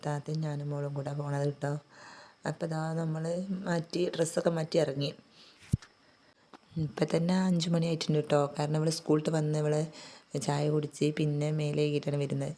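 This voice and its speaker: A woman vlogging in a relaxed, homely way, with a voice still hoarse from illness. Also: low voice. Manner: chatty, homely, tags sentences with "tto". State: hoarse, recovering voice. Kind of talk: casual vlog narration.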